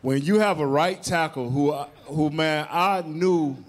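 A man's voice: a little high, measured pace. A man on a sports panel who talks loosely, jokes and stresses his points with slang. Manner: loose, joking, emphatic slang. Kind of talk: casual panel chat.

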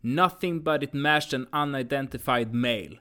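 A man's voice: mid-range voice, normal speed, pushed and bright, close to an everyday voice. A man playing a firm, businesslike commander of a time-travel agency in an audio drama.

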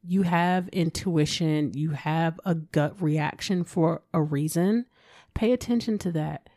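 A woman co-hosting a psychology podcast, talking in a relaxed, conversational way and laughing now and then. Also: sits low, slow pace, no room sound, studio quality. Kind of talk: casual podcast discussion.

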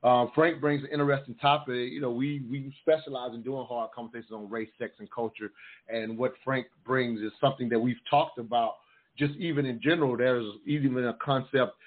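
A man hosting a call-in talk show, speaking in a relaxed, friendly, affirming way. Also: mid-range voice, brisk. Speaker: host. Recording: tinny phone-like audio.

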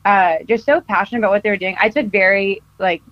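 Talking fast with fairly even intonation in a mid-range voice, a Costa Mesa, California film photographer in her 20s guests on a podcast. She laughs often and fills gaps with likes and ums in a casual interview, recorded with no room sound and the highs cut off.

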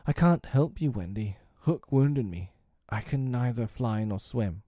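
A man's voice: medium pitch, lively intonation, unhurried, mellow, no echo, studio quality, pitched above the performer's own voice. A man voicing a proud, daring young boy hero in a storybook reading, earnest and boyish. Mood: grave.

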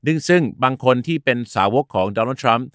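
Guy chatting in a dead-dry room, patient, spells out english words, mid pitch. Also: animated, quick pace, fairly bright tone, no echo. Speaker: co-host explaining English words. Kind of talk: casual chat mixing English terms.

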